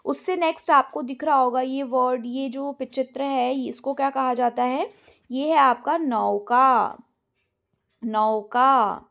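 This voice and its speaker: A woman teacher explaining a lesson step by step, dropping in English words and drawing out the answer words slowly. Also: sits high, fairly even intonation, vocal fry, a bit bright. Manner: stretches out words slowly when reading answers. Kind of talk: online class lesson.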